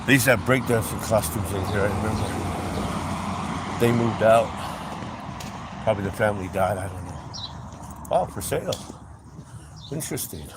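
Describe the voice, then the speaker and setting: A middle-aged man rambles casually into a phone, filling his talk with "anyway" and "um." He talks from inside a car on city streets. Traffic and street noise come through clearly. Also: on the low side. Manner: rambling, chatty, with frequent "anyway" and "um". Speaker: livestream host. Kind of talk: casual storytelling while driving. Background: traffic and city ambience.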